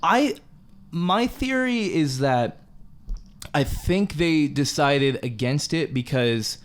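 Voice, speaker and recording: A young man in casual podcast chat about a film. His pitch swings widely and he laughs easily, jumping up high when something excites him. He talks in an animated, jokey way. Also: slow, clean tone. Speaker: podcast co-host. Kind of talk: casual movie review chat.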